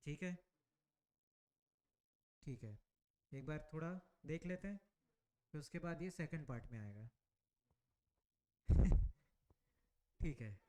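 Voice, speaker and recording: A male teacher running an exam-prep class, building memory tricks and checking with students often. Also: sits high. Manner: asks frequent check questions to the class.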